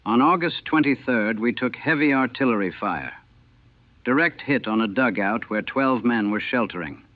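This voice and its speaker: A man, a former army chaplain from the United States, recalling the war in a grave, measured and haunted way, heard on an old archival recording. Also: fairly low pitch, no room sound. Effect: old archival recording, narrow and tinny. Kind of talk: solemn first-person recollection. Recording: tinny, dry, lo-fi old recording.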